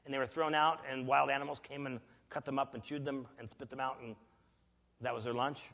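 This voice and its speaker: A man preaching a sermon in a church, earnest and emphatic, telling a personal story with pauses. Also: mid-range voice, fairly bright tone. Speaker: lay preacher. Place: church sanctuary. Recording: echoey church hall, dull lo-fi.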